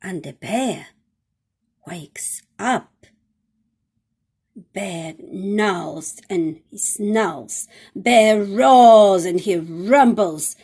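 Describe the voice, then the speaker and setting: A woman reading a picture book aloud to children with dramatic, deliberate phrasing. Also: medium pitch, darkish tone, slightly rough. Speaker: storytime reader.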